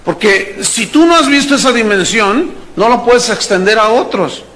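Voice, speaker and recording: Male pastor, high voice, lively and playful sermon delivery with acted-out asides. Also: moderate pace. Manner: animated, playful preaching, acts out characters and jokes.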